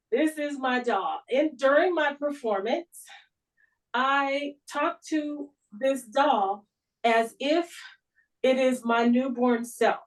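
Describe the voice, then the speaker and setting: A middle-aged woman speaking as a guest at a club meeting, telling a personal story in an unhurried, conversational way. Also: a little high, distant mic, rough recording. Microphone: video call.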